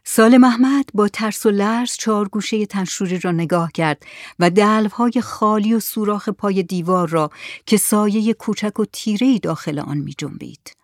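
A storyteller reading a story aloud in a measured, even way. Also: medium pitch, no room sound, studio quality. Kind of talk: scripted narration of a story.

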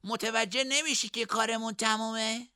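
A hot-headed young student, put on by a man reading an audiobook, pitched way up above a normal speaking voice with a sharp, piercing edge. The voice is pushy and agitated, crisp and smooth, set in a dry, close recording. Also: dry recording. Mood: angry.

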